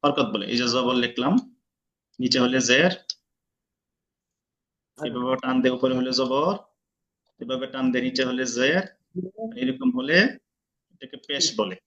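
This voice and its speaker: A man's voice: medium pitch, expressive, a little slow, creaky, pauses often, a bit bright, muffled recording. A man teaching an online lesson, explaining step by step and quizzing his students. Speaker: Quran recitation teacher.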